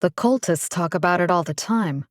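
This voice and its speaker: A woman lightly acts a resolute young vampire fighter from a video game, her lowish voice captured in a dry, close recording. Earnest and caring, she speaks plainly and conversationally with determination, lively intonation and a wry, defiant edge at a normal speed.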